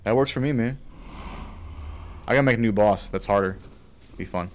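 A man's voice: fairly low pitch, normal speed, a little hiss or hum. A young man streaming a video game, chatting casually and saying "man" and "like" a lot. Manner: laid-back, chatty, says "man" and "like" a lot. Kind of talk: casual gameplay commentary. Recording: faint game music behind.

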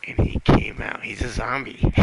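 A man doing a gravelly whiskey-mad zombie cowboy. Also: mid-range voice, fairly even intonation, a little slow. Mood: desperate. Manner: broken third-person speech, pleading and repetitive. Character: whiskey-craving undead male cowboy zombie. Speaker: streamer. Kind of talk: in-character game role-play. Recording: loud game noise behind.

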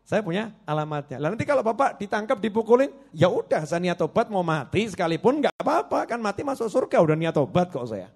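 A man's voice: high-pitched, sing-song, fast talker, vocal fry, hardly any pauses, a little mellow, slightly rough, exaggerated voice. A man voicing a repentant male robber chief who confesses in a plain, matter-of-fact way.

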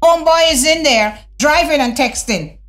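A middle-aged woman talking to camera in a casual opinion vlog at home, animated and conversational with slangy asides. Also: high voice, moderate pace, faint music behind. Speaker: vlogger. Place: home room, indoors. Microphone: fixed camera at desk.

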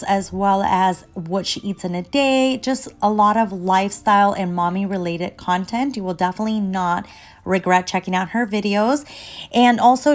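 Scrubbing her home kitchen, a young cleaning vlogger and mother talks brightly to her audience, laughing between phrases even though a cold has her sniffly, congested and hoarse-throated. Her voice is mid-range and a little mellow.

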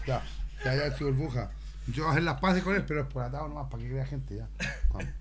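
A man's voice: mid-range voice, fast talker, crowd noise. A man with a Chilean accent talking casually into a podcast microphone in a small room. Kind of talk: casual chat, prank calling. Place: small indoor streaming room. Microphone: podcast microphone on boom arm.

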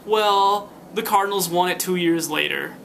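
A woman chatting casually in a family vlog, playful, teasing and excitable. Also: lowish voice, normal speed, creaky. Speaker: vlogger. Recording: noisy ambient background.

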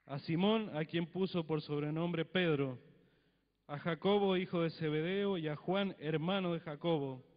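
His voice a little high, a middle-aged preacher from Mendoza with a Cuyo Argentine accent delivers a sermon on a handheld mic in a church hall. He speaks chattily, asks frequent tag questions and acts out little dialogues, all in dull lo-fi sound with long reverb from the hall.

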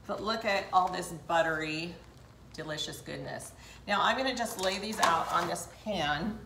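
An older woman hosts a home cooking demonstration, chatting straight to her viewers while she works in her kitchen. Her fairly low, gravelly voice moves at normal speed, and the roomy audio carries background noise.

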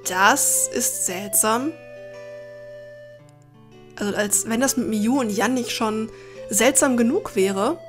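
A woman playing a video game and reading all of its dialogue aloud in her own voice, with dramatic, expressive delivery. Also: a little high, slow pace, long pauses, music in the background. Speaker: Let's Play gamer.

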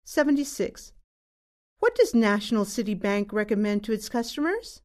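Female exam narrator, scripted question reading, animated pitch, mid-range register. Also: normal speed. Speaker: test narrator.

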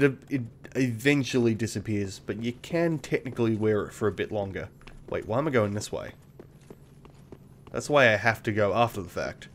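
A man with a lowish voice talks through his game run in a loose, offhand way. His humor is dry and self-mocking, and he drops the odd swear word without fuss. A faint hiss sits under his voice. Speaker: let's play host. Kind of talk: casual gameplay commentary.

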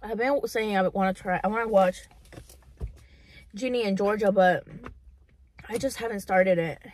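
A woman's voice: medium pitch, normal speed, a little mellow. Young woman chatting casually in a mukbang. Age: young adult. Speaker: mukbang vlogger. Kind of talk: casual chat to viewers while eating, mukbang. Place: inside a parked car.

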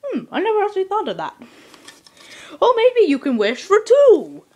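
Woman putting on a high, cheeky little leprechaun. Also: normal speed, full character voice. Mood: eager. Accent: Irish. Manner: leprechaun-like, high, excitable sing-song delivery. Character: small leprechaun-like Irish wish-granting trickster creature, cheeky.

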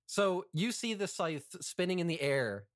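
Calm game master narrating a tabletop game. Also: mid-range voice, measured pace, no echo, studio quality.

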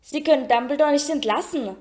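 A woman voicing a huge, gruff man who blusters and shouts in an audiobook reading. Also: high voice, a little fast, pitched above the performer's own voice, lightly acted. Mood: angry. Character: towering gruff giant of a man.

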